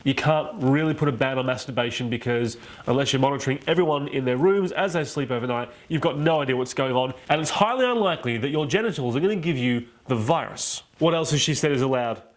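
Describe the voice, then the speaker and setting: A man's voice: mid-range voice, quick pace. A man hosting a satirical comedy monologue, mocking the news with playful asides. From Australia. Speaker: comedy show host.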